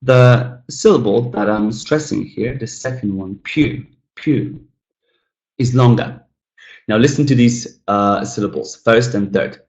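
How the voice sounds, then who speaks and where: A man's voice: fairly low pitch, a little slow, darkish tone, highs cut off. Man teaching pronunciation in an echoey room. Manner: demonstrates sounds by exaggerating stressed syllables and mumbling unstressed ones; explanatory, addresses viewers as guys. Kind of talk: recorded language lesson.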